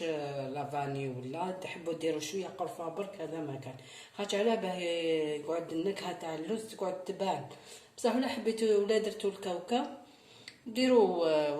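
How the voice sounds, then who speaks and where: A woman's voice: sits low, warm tone. A middle-aged woman with an Algerian Arabic accent, who hosts a baking channel and talks viewers through each step of a recipe, repeating her instructions. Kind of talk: cooking tutorial. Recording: echoey room with faint noise.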